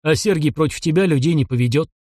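A man reads as a heavy-set older constable, tired and grumbling. He mutters his words gruffly, with sighs behind them. The reading is dry and close to the mic. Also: fairly high pitch, fast talker, a little mellow, no room sound, close to an everyday voice. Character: stout older village constable, weary and grumbling.

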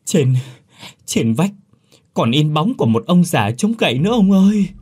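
A terrified young male servant cries out in a high, straining voice, as a man puts him on. He stammers and repeats himself in panic. The voice swings wildly, husky at the edges. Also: very animated, moderate pace, a little mellow. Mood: stammering fear.

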